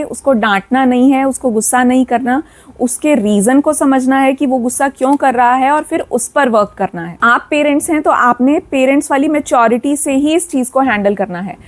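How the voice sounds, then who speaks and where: Woman doing a parenting advice vlog, pretty high voice, earnest, drops in english words. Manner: earnest, instructive, repeats key points, mixes in English words. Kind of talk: direct-to-camera advice talk.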